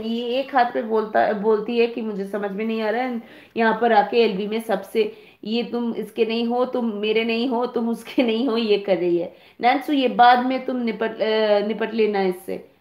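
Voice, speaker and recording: A woman's voice: on the high side, steady tone, moderate pace, darkish tone, reverberant. A woman from India hosting a casual live stream, reading viewer comments aloud and teasing them affectionately like a big sister.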